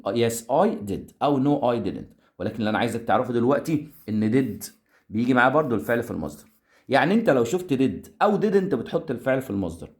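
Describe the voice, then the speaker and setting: A man with an Egyptian Arabic accent teaching an English grammar lesson, asking questions and answering them himself in a lively way. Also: medium pitch. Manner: lively, asks and answers his own questions.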